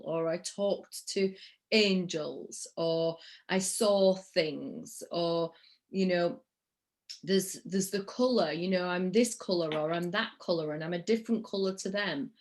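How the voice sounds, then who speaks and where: A woman from Yorkshire, England, with a Yorkshire accent and a medium-pitched, darkish voice hosts a podcast interview. She's casual and effusive, repeating words for emphasis.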